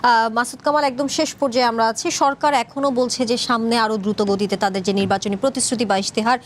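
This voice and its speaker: A woman with a Bangladeshi Bengali accent hosting a political talk show, asking questions in a measured, formal way. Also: a little high, steady tone, a little hiss or hum.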